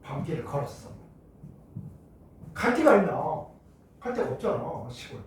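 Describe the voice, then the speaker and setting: A middle-aged man from Jeju Island telling a childhood story in a classroom chemistry lecture, acting out shouting voices along the way. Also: fairly high pitch, moderate pace, a little hiss or hum. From Jeju Island, Korea. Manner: animated, acts out shouting voices in his stories. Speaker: chemistry teacher. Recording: echoey room, mic far off.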